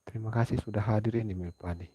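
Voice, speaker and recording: A man from South Sulawesi hosting a casual late-night livestream, speaking in a hushed voice so as not to wake others, reading viewer comments aloud and answering them at home at night. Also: lowish voice, steady tone, fast, breathy edge, no room sound, muffled recording. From South Sulawesi, Indonesia. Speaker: livestream host.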